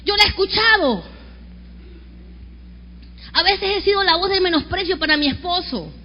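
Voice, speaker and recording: A woman pastor preaching an animated sermon, calling on the congregation to repeat after her. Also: very high voice, normal speed, long reverb tail, muffled recording, slight background noise. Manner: animated preaching with call-and-response. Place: church sanctuary.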